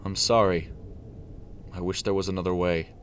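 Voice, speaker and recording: A man voicing a calm, cloaked vampire killer with a gravelly voice and a measured way of speaking. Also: low voice, a little hiss or hum, close to an everyday voice. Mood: regretful.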